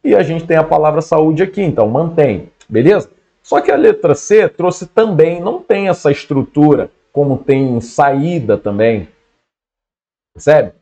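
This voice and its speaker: A man's voice: on the high side, expressive, unhurried, mellow. Brazilian guy teaching grammar, chill and chatty, kinda muffled recording. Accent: Brazilian Portuguese. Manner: casual, keeps checking in with "beleza?". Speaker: Portuguese teacher for exam prep. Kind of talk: online exam-prep lesson.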